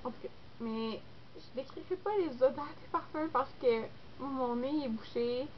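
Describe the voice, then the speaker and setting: With a high voice and a measured pace, a young adult beauty vlogger talks casually to the camera, stuffed up with a cold. Her Québécois French accent comes through as she rambles with many fillers, and the lo-fi recording is dull with faint noise.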